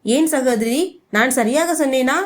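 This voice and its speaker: Smug, arrogant cheat of a brother-in-law, read by a woman narrator, slightly raised pitch. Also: normal speed, natural voice. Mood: coaxing. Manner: smug, dismissive. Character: scheming arrogant grown man, brother-in-law.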